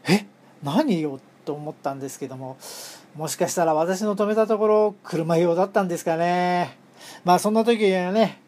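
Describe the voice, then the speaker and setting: A woman's voice: mid-range voice, darkish tone. A woman hosting her own talk show, recounting a solo camping trip in a polite, formal way with humorous asides and frequent hesitations. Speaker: podcast host. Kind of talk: solo travel storytelling.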